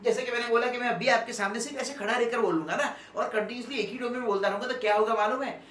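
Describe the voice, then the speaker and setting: Brief: male motivational speaker addressing students, standing and moving around, switches between soft and loud delivery, recorded from a distance in an echoey room. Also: very high voice, fairly even intonation, rapid-fire, slight background noise. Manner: keeps checking in with the listener by asking "okay?".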